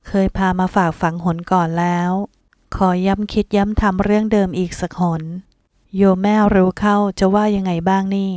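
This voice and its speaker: A woman reading an audiobook, voicing a calm monk who chides gently and teases. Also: mid-range voice, normal speed, clean tone, dry recording, clean studio sound, natural voice. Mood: gentle.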